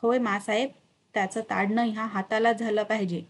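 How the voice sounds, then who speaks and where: A woman's voice: medium pitch, steady tone, normal speed, lightly acted. A woman voicing an aged, devout male steward who reproaches himself with anguished, pleading speech.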